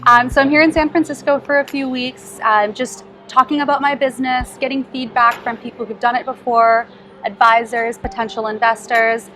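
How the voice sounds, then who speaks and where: A woman's voice: on the high side, flat delivery, normal speed, sharp tone, faint music behind. A woman startup co-founder answering interview questions in a friendly, earnest way, with frequent ums. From Philippines and Canada.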